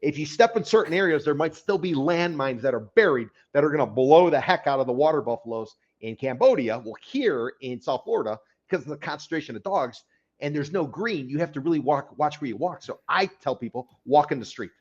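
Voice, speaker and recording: A man's voice: a little high, animated, brisk, lo-fi sound. A man co-hosting a real estate talk show, explaining things casually with a sarcastic edge and repeated phrases. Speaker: real estate consultant, co-host.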